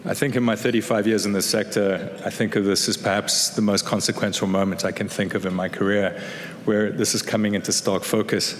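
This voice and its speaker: A man's voice: on the low side, level tone, brisk. A man in his fifties giving a business keynote as a chief executive, with polished corporate enthusiasm. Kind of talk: semi-scripted business keynote speech. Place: large indoor event hall, on stage. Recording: echoey hall with clear background noise.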